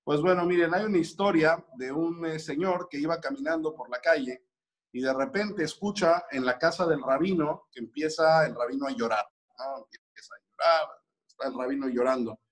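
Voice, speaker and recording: A man giving a religious lesson, explaining and telling a story in an animated way. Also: a little high, moderate pace. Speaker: religious teacher.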